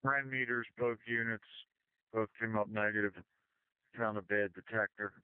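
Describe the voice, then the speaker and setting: A man's voice: lowish voice, fairly even intonation, normal speed, clean tone, dry recording. A man giving a terse, matter-of-fact update as a fire officer over two-way radio. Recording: tinny phone-like radio transmission.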